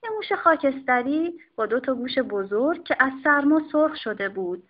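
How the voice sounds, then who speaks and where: A woman reading a children's storybook aloud in an expressive, sing-song manner, on a dull lo-fi recording. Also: sits high. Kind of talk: storybook narration.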